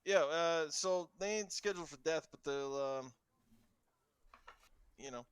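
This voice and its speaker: A man voicing a crude, cruel male town guard with a New Jersey accent, high and loud. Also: a little slow, clear, resonant tone, close to an everyday voice. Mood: careless. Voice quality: brash, crude, mocking.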